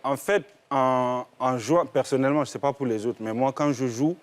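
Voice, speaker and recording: A male comedian guesting on a TV studio talk show. He speaks at a mid pitch and weighs his words, stopping and restarting as he explains his craft. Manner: measured, reflective, hesitant restarts. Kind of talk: TV studio interview.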